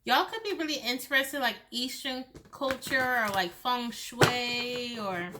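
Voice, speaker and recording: A woman's voice: fairly high pitch, a little slow, background noise. A woman giving a loose, chatty tarot reading, swearing freely and laughing between thoughts. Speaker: tarot reader. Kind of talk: casual tarot reading monologue.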